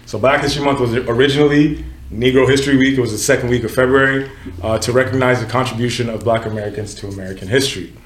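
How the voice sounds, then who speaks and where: In an echoey room with a faint hiss or hum, a Nigerian man in his twenties hosts a casual group podcast in a medium-pitched voice. He talks things through conversationally, often correcting himself and repeating "you know what I'm saying."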